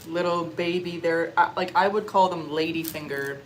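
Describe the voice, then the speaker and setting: A young Canadian woman talks casually into her phone on a livestream, pausing to eat and hum with enjoyment. Her voice sits on the lower side and her manner is relaxed and chatty. A faint hum of ambient noise runs behind her. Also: poor audio. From Canada (Ontario). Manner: relaxed, chatty, eating on stream with murmurs of enjoyment. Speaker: livestream vlogger. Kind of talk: casual livestream chat reading comments. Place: outdoors or open space in a warm country.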